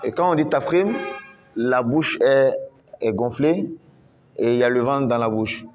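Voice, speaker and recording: A medium-pitched man teaches Quran recitation in French over a lo-fi recording with faint music behind him. Slow and patient, he repeats each word many times and draws out the recited syllables.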